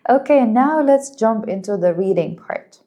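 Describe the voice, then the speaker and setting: A woman whose first language is Arabic teaching an English lesson, speaking slowly and clearly and praising her students. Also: a little high, lively intonation, highs cut off. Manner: patient, encouraging, slow and clear, explains in Arabic too.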